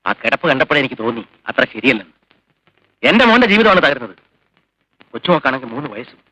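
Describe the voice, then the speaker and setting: An actor playing a blunt, practical old grandfather who argues fast. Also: mid-range voice, sing-song, sharp tone, no echo, low-quality recording. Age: older. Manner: blunt, rapid arguing. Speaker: father of the husband.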